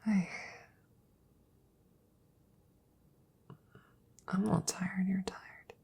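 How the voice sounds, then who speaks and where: Tender and tired, a woman plays an anxious, devoted scientist in an intimate ASMR roleplay, her mid-range voice steady in tone yet heavily acted. She rambles haltingly near the mic, soft and breathy, frequently slipping into whispers.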